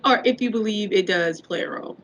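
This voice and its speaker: A woman's voice: medium pitch, brisk, fairly bright tone, slight background noise, poor audio. Hesitant woman host asking questions. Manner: hesitant, many ums. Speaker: podcast host. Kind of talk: interview questions.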